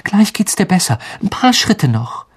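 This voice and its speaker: A man voicing a clever, sharp-tongued schoolgirl with a cutting delivery. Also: high voice, big pitch swings, a little slow, husky, pitched above the performer's own voice, exaggerated voice. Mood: soothing.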